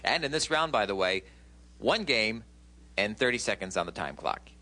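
A man's voice: on the low side, sing-song, normal speed, bright, forceful tone. A man hosting a game show, speaking upbeat and directly to contestants as he announces questions and results. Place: television studio game show set.

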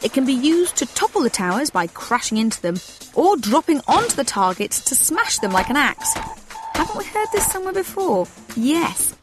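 A woman's voice: fairly high pitch, very animated, normal speed. A woman delivering scripted television narration. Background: music.

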